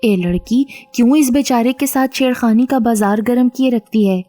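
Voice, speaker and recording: A woman's voice: a little high, normal speed, mellow, soft background music, natural voice. A woman reading the part of a stern elderly grandmother who scolds the household. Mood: scolding.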